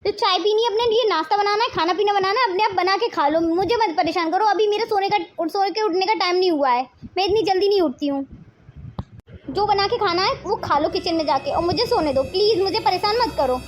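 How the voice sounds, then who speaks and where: Cartoon: lazy, rude young daughter-in-law, very high and snappy. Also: female voice, a little fast, a little hiss or hum. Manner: snappy, grumbling.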